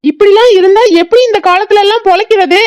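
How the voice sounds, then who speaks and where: A woman voicing a grumpy old village grandfather in a cartoon, with a southern Tamil Nadu accent, gruffly scolding and teasing his family. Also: extremely high pitch, steady tone, fast, dry recording, clean studio sound. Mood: grumbling. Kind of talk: cartoon voice acting.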